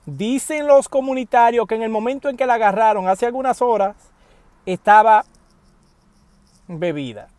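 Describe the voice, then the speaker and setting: Sitting in the driver's seat of a parked car, a man with a fairly high voice offers casual news commentary. He's animated, speaks directly to his viewers with emphatic pleas, and moves at a moderate pace with frequent pauses. A wired earphone mic captures dry, close sound with no room noise.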